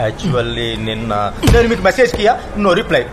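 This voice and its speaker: A man acting a timid, awkward suitor in a comic film scene, halting between languages with a Telugu accent. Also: a little high, big pitch swings, background noise. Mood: nervous, eager. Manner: halting, code-mixing. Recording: music behind film dialogue.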